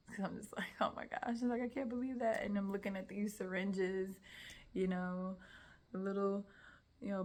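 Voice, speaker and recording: A young woman giving a personal testimony in casual storytelling, emotional and animated, dropping into soft whispers at times. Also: mid-range voice. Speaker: testimony speaker.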